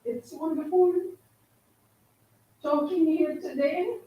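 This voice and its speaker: Slow high-voiced older woman, echoey hall. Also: fairly even intonation, recorded from a distance, muffled recording. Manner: heartfelt, emotional storytelling. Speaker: event speaker. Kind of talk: personal testimony speech. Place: university studio hall.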